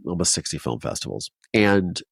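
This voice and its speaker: A man's voice: low voice, sing-song, moderate pace, creaky, husky, no room sound, studio quality. A man from Ohio, a documentary filmmaker, telling his personal story as a podcast guest, heartfelt and rambling with many restarts. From Ohio, United States.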